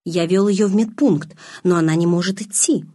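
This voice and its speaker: A woman voicing an anxious, eager teenage boy in an audiobook, with a breathy voice. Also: lowish voice, moderate pace, dark tone, close to an everyday voice. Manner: anxious, shaky.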